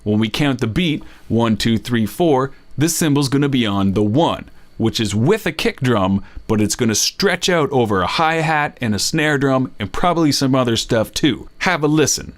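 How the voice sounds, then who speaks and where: Lively man teaching beatboxing. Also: medium pitch, normal speed, hardly any pauses. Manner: upbeat, jokey teaching voice mixing in vocal drum sounds. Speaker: beatbox instructor. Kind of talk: playful instructional video.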